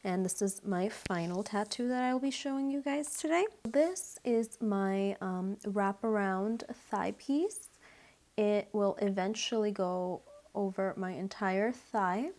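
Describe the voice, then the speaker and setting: A young woman vlogging casually at home, chatting warmly and directly to her viewers and gushing about what she shows. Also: medium pitch, a little slow. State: a bit out of breath. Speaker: YouTube vlogger. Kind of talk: casual talk to camera.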